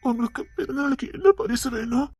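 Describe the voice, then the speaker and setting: Brief: woman playing a shy young woman for an audio drama, breathy and hesitant, high and close. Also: quick pace, no room sound. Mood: sweet. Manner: soft, hesitant, stammering. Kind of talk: Tamil audio drama acting.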